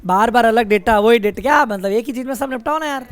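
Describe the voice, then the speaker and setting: A male teacher with a very high, clean voice talks fast as he lectures his class, blending explanations with teasing and scolding. Students chatter in the background.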